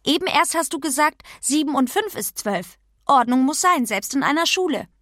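A brash, unruly little girl from a storybook, as a woman reader puts her on, loud and lively. Her voice sits high and jumps around with mischief. The sound is close and dry. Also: normal speed, no echo. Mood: cheeky.

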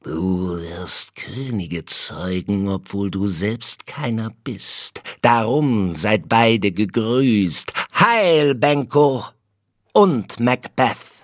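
A man playing a slow, eerie prophesying witch. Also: fairly low pitch, no room sound, clean studio sound. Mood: ominous.

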